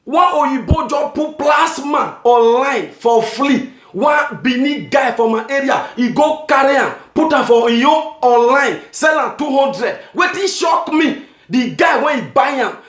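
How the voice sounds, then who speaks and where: A man from Nigeria with a Nigerian Pidgin accent, doing a comic monologue, shouting his punchlines and laughing at his own jokes. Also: extremely high pitch, expressive, a little slow. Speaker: stand-up comedian. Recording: echoey room with music behind.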